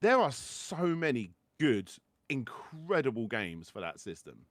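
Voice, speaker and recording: A British man in casual podcast chat, recorded close and dry with no room sound. He talks eagerly, tripping over and repeating his words as he warms to a point. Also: mid-range voice, big pitch swings, measured pace, no echo. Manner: enthusiastic, stammers and repeats words. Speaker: podcast host.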